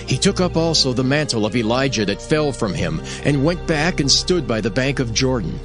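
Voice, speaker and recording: A man with a medium-pitched, animated voice narrates scripture at a normal speed, delivering a solemn, dramatic scripted reading like a storyteller. Prominent music plays behind his voice.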